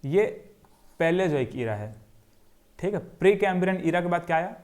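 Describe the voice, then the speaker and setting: A fairly high-voiced young man giving a geography lesson. He drills his students by asking a question and then answering it himself, over and over. He sketches on a board as he explains. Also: animated, normal speed, darkish tone. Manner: drawing on a board while explaining. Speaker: geography teacher. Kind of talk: classroom lecture.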